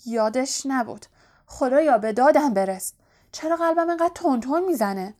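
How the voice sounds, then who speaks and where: A woman's voice: high-pitched, animated, dark tone, pitched above the performer's own voice. Stan, a woman doing a gossipy young bus conductor. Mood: agitated. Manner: gossipy, keeps asking for agreement. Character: chatty excitable young male bus conductor.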